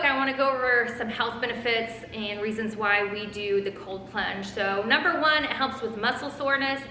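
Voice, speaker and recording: Bright-voiced woman vlogging in an echoey space. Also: fairly high pitch. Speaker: host of a family vlog. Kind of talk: casual explainer to viewers. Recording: echoey room with faint background noise.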